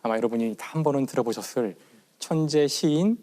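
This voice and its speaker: A man's voice: medium pitch, dark tone. Enthusiastic man telling a story on a talk show. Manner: enthusiastic, slows down for dramatic emphasis. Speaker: physics professor guest speaker.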